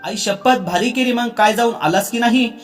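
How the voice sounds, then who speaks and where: Man doing teasing young woman friend, storybook, high. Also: moderate pace, faint music behind. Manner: teasing, bantering.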